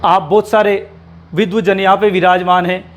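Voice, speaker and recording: Speaking in a strikingly high voice with little pitch movement, a man teaches grammar to exam students, working through examples step by step and repeatedly posing rhetorical questions to the class. He slows down and stretches out words when spelling individual sounds. A faint hiss or hum can be heard.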